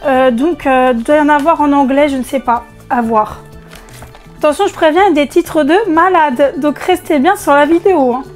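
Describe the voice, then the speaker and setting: A woman unboxing video games in a casual vlog, excitable and chatty, with a strained voice she tries not to push. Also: sits high, normal speed, faint music behind. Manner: excitable, chatty, many fillers. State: strained voice, holding back from shouting. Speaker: vlogger.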